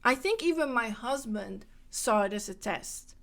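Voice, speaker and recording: In a high voice touched with vocal fry, a Dutch-born woman whose first language is Dutch talks at a measured pace on her podcast. Her casual spiritual monologue is animated, and she repeats phrases for emphasis.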